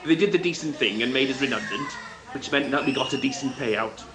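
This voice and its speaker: A mild, polite middle-aged Welsh man, played by an actor as a former lorry driver chatting in an audio drama. His voice sits at an ordinary pitch for a man, easygoing and a little self-deprecating. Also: brisk, close to an everyday voice. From Wales.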